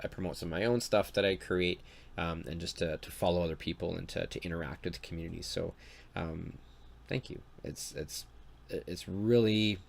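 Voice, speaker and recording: A man's voice: sits low, creaky. A man from Ontario, a dungeon master with a stuffy voice from a cold, talking to camera in a hesitant, earnest way. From Ontario, Canada. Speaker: dungeon master and video maker. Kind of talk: casual talk to camera.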